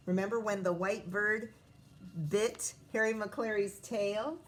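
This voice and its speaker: Reading a picture book to a group of kids, this woman teacher is expressive and often pauses to pose questions to her young audience. Her pitch is medium.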